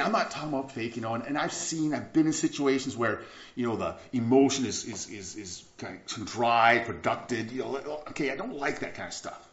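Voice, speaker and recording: A pastor with a mid-range voice gives a loose, conversational sermon, his delivery animated and chatty, rising and falling, often stumbling and starting over. The sound is slightly dull and echoes through the church sanctuary.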